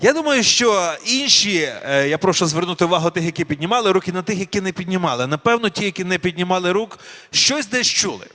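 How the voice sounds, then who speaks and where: A man giving a sermon. He speaks slowly and deliberately and puts questions to the audience. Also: high voice, animated, bright, forceful tone. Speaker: preacher. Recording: long reverb of a hall.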